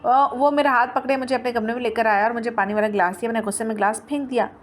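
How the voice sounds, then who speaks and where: A woman reading a first-person story aloud in a plain, steady way, with small restarts. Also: a little high, slight background noise.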